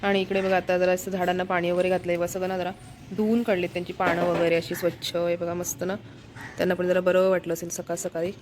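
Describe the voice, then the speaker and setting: A woman's voice: lowish voice, flat delivery, fast, darkish tone, a little hiss or hum. A woman chatting casually through a family home vlog, keeping her viewers pointed at what she is doing. She films with a handheld phone camera while moving around the house. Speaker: family vlogger. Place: home, indoors.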